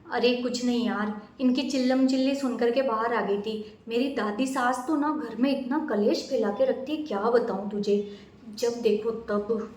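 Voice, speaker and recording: A woman's voice: sits high, normal speed, reverberant, lightly acted. Woman playing a scornful young wife. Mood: complaining. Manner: blunt, scornful. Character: sharp-tongued young wife, scornful of elders.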